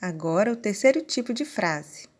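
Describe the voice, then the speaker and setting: Brazilian woman teacher, slow and careful, walks thru each point one by one, mid pitch. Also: lively intonation, a little mellow. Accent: Brazilian Portuguese. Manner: slow, deliberate, explaining step by step. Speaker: sign language teacher. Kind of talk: recorded online lesson.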